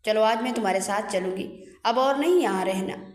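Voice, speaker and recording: Lady playing a dreamy heartbroken young woman, soft murmuring, roomy echo. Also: mid-range voice, lightly acted. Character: grieving young woman, dreamy, obsessed with her dead love. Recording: echoey room with long reverb.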